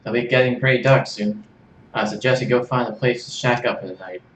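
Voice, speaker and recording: A man voicing a brash young woman fighter in a video game, with a rough put-on Australian-British accent and a slangy, cocky way of talking. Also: medium pitch, brisk, a little hiss or hum, natural voice. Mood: brisk. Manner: cocky, slangy, calls people mate. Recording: roomy room, faint game music.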